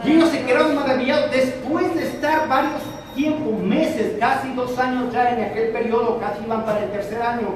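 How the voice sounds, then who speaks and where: A man preaching a sermon to a congregation, animated, swinging between loud and soft. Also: extremely high pitch, noisy background. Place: church hall with congregation. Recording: echoey hall, from far off. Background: congregation answering.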